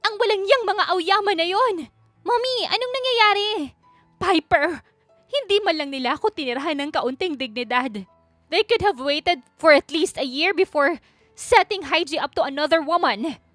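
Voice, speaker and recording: Picture an audiobook scene in which a high-pitched, overwrought wealthy mother frets and scolds, voiced by a woman narrator. She talks dramatically and jumps between Tagalog and English. The voice is dry and close, with faint music underneath. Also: fairly quick, fairly bright tone, dry recording. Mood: indignant. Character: distraught wealthy middle-aged mother, shrill and fussy.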